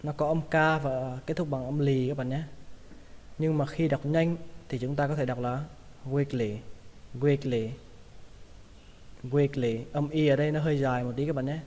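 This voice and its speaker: A man with a Vietnamese accent teaching English vocabulary, repeating each word slowly several times to model its pronunciation. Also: on the high side, fairly even intonation, warm tone, in a large hall. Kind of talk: pronunciation lesson.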